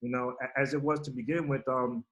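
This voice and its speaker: A man's voice: medium pitch, fairly even intonation, fairly quick, poor audio. A man who works as a newspaper journalist, speaking hesitantly in a panel discussion and filling his sentences with "like" and "you know". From Pittsburgh.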